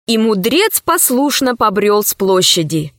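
A woman reading a children's story aloud in a measured, expressive way. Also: mid-range voice, no room sound, studio quality. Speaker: narrator. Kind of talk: audiobook reading.

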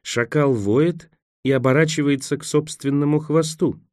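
A male reader voicing an eager, excitable young woman exploring a tomb in an audiobook, urgent and quick to give orders. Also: on the high side, no room sound, studio quality, pitched above the performer's own voice, natural voice.

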